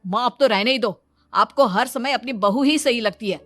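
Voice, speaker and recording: A woman's voice: on the high side, moderate pace, fairly bright tone, no room sound, faint music behind. A woman playing an irritable, sarcastic young husband in a cartoon moral story. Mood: irritated.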